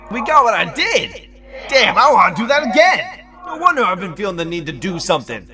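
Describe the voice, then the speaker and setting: Here the actor gives a full character voice, high-pitched and fairly quick, as an elated amnesiac former magical fabricator who swears freely. In this audio drama he coaxes himself on, lurching between muttered focus and excited outbursts.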